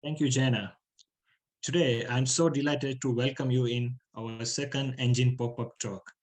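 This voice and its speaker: A man's voice: medium pitch, fairly even intonation, moderate pace, poor audio. A man hosting an online talk, formal in his welcomes and hesitant in places. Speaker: host.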